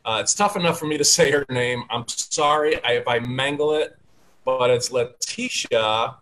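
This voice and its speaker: Host and candidate at once, a man runs an easygoing video call talk show from his home study with bookshelves, upbeat and full of fillers. He speaks at normal speed with a medium, slightly bright voice, captured roughly through a webcam.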